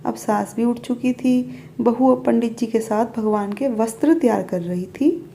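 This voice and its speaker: Female storyteller with a dark, mellow voice, for steady narration of a story. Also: fairly high pitch, unhurried, gravelly, a little hiss or hum.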